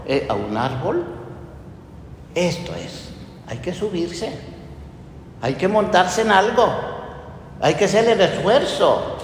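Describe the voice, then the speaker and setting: Animated man preaching in an echoey church. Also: on the high side. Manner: lively, conversational preaching with frequent tag questions. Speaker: priest. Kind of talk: sermon. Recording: echoey church hall, faint noise.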